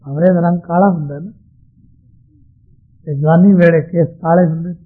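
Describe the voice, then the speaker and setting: A man preaching a sermon, explaining scripture verses to a congregation in a slow, measured teaching manner. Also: fairly high pitch, steady tone, slightly rough. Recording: tinny, phone-like sound.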